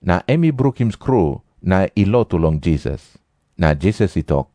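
Low-voiced Papua New Guinean male narrator. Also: big pitch swings, normal speed, dark tone, no room sound. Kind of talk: scripted scripture narration. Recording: prominent music behind the voice.

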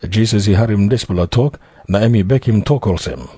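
A man's voice: on the low side, quick pace, warm tone, slightly rough, no room sound, clean studio sound. A man with a Papua New Guinean accent narrating scripture from a script. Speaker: Bible narrator.

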